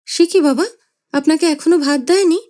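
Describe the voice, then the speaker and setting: Storybook figure: a soft-spoken, dutiful father, voiced by a woman narrator, soothing and pleading, lively in pitch. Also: unhurried. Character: gentle, dutiful father in his fifties.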